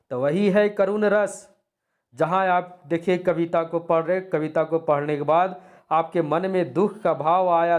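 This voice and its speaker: A man teaching grammar online, asking rhetorical questions and answering them himself, with lively recitation. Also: a little high. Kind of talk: classroom lecture.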